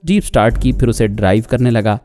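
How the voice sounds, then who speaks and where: Mellow-voiced man narrating a story. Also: medium pitch, fairly quick. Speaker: voice artist narrator. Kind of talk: scripted audiobook narration. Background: faint background music.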